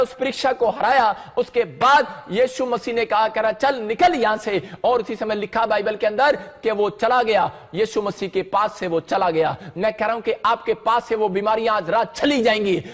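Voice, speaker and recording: High-voiced fervent male preacher. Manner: fervent preaching, keeps repeating "it says". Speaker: pastor. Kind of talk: live sermon.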